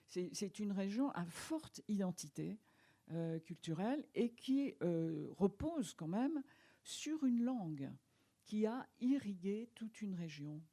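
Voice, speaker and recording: A French author from France, appearing as a guest in a media library talk, speaks at length in a conversational interview, thoughtful and full of small restarts. Her medium-pitched voice is dark in tone, with lively intonation and a slow pace.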